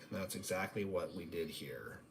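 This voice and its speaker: A man with a low, gravelly and slightly nasal voice hosts a casual live-stream where he reveals graded sports cards. He talks at a moderate pace in a conversational, self-deprecating manner, with noticeable steady background noise in the recording.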